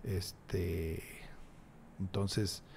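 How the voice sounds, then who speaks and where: A gravelly, dark-toned man in his sixties, speaking as a podcast guest. He talks in a reflective yet emphatic way, often restarting his sentences, close on a desk mic in a small studio. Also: low-pitched, steady tone, very slow, slight background noise. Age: 60s. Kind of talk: casual interview chat. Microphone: large desk mic, headphones.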